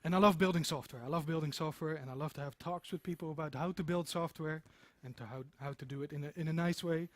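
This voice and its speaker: In an indoor meeting room before a seated audience, a middle-aged software developer gives an informal conference talk, emphatic and repeating phrases for stress. His slightly high, somewhat bright voice moves fast with hardly any pauses, and there's no room sound.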